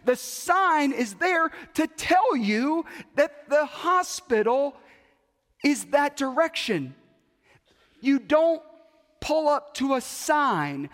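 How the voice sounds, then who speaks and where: Skeptical older church elder, persistent, voiced by a high-pitched male preacher in an echoing hall. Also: lively intonation, a little slow. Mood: pressing. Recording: long hall reverb.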